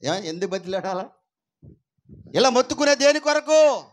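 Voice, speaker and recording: A high-pitched male pastor delivers an emphatic sermon at a church prayer meeting. He swings from ringing cries to low, intense asides. His voice comes through a microphone and sound system. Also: sing-song, moderate pace.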